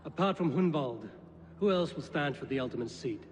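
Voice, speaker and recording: An actor playing a grim, steady Norse raider leader in a video game, speaking calmly and plainly. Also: male voice, a little high, long reverb tail, a little hiss or hum, lightly acted. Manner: calm, measured, matter-of-fact.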